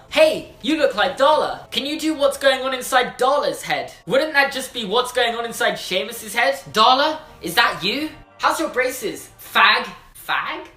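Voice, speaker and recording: A man talking quickly and sarcastically in a chaotic comedic vlog. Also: extremely high pitch, bright, forceful tone. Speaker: YouTuber. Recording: roomy with music behind.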